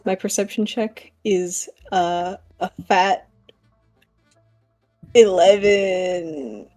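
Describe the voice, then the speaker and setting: A woman's voice: medium pitch, fairly even intonation, extremely slow, darkish tone, no room sound, faint music behind. A woman joking and exclaiming as a player in a tabletop game. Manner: giggly, exclaiming. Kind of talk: casual tabletop banter.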